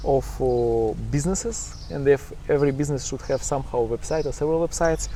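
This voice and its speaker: A man's voice: mid-range voice, brisk, mellow, a little hiss or hum. A man conducting a casual business interview, speaking in choppy, non-native English phrasing.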